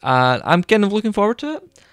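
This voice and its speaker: A man with a smooth, clear voice chats loosely on a podcast, wandering through his points with plenty of ums and likes. The sound is dry and close, with no room around it. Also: sits high, very animated, fairly quick, a bit bright, no room sound. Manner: rambling, hesitant, many fillers. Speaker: podcast co-host. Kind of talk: casual chat.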